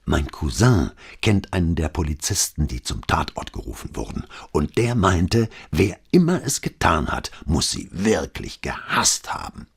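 Man doing a gossipy newsagent, gloating, conspiratorial, very deep, husky. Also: big pitch swings, unhurried, few pauses, heavily acted. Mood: gossiping. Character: gossipy male newsagent relishing bad news. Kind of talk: audiobook dialogue.

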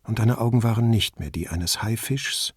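A man's voice: lowish voice, normal speed, slightly rough, dry recording. A man reading the part of a witty wife who teases her husband in a playful, dry way, in a slightly raised voice. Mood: teasing. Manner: wry, playful teasing. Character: witty teasing Italian wife, adult woman.

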